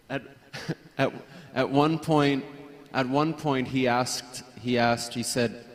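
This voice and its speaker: A man's voice: mid-range voice, fairly even intonation, slow. A man at a memorial gathering, telling affectionate anecdotes about a friend and chuckling as he remembers. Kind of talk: reminiscing anecdotes. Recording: long reverb.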